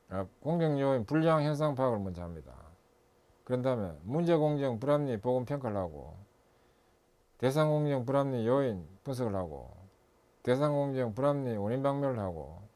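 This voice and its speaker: A middle-aged man with a medium-pitched, somewhat dark voice lectures as an instructor and consultant. He lays out steps methodically, correcting himself along the way.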